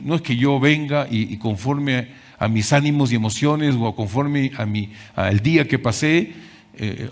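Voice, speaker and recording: A man preaching a sermon as pastor, emphatic and deliberate, repeating key phrases and addressing the congregation directly. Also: mid-range voice. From Peru. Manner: deliberate delivery with climbing emphasis in lists.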